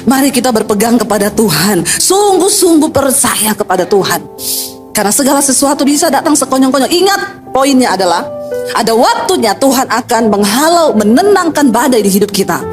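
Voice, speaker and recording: A middle-aged woman pastor, preaching a lively sermon with sudden swings between low earnest tones and high emphatic ones and chatty colloquial asides. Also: a little fast, faint music behind.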